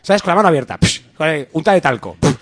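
A man co-hosting a comedy radio show, playful, slangy and animated, acting out scenes as he talks. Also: a little high, fast, no room sound, studio quality.

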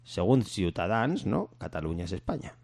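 A man's voice: low voice, very animated, moderate pace, vocal fry, a little mellow. Rambling, jokey man. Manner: rambling, jokey, breaks into laughter. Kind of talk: casual comedic chat.

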